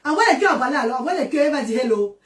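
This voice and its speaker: High-pitched woman on a live stream, chatty and preachy, says things over and over. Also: animated, quick pace. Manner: affectionate, preachy, exhorting repetition. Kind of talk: casual live-stream talk to viewers.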